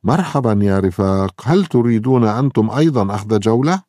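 A man's voice: lowish voice, lively intonation, fast talker, dark tone, no room sound, clean studio sound, pitched above the performer's own voice, lightly acted. A man voicing a teasing young ride guide. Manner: mock-spooky, showy. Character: playful young woman ride guide, spooky tease.

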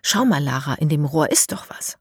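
A woman voicing an excited, curious young boy in a children's audiobook. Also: deep voice, normal speed, a little hiss or hum. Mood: whispering. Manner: excited, breathless.

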